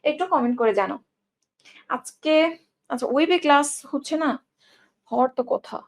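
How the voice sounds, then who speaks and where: A woman's voice: high voice, moderate pace. A young woman teaching an online English class, asking questions and answering them herself as she drills word forms.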